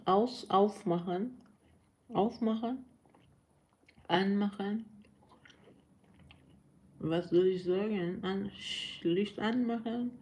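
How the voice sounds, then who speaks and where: Woman live streamer, very slow, gravelly fry, halting non-native English, casual chat with viewers. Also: medium pitch, darkish tone.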